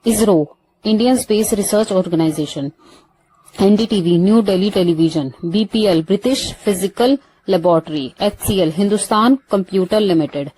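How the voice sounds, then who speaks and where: A woman's voice: mid-range voice, normal speed, mellow. A woman with an Indian accent teaching English vocabulary, listing words and glossing each one in Hindi before giving the English. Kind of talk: vocabulary lesson.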